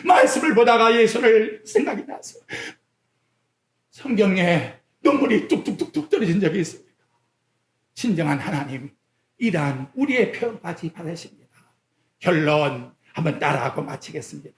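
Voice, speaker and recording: Animated preacher in an echoey church. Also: mid-range voice, moderate pace. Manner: animated preaching with rhetorical questions to the congregation; swings between loud exclamations and quiet asides. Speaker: pastor. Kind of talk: sermon. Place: church sanctuary.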